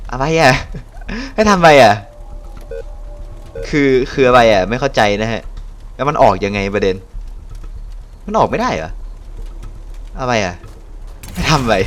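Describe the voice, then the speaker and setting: Lively, chatty man commenting on gameplay. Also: mid-range voice, a little hiss or hum. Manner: chatty, chuckles often, exclaims in surprise. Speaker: mobile game let's-play host.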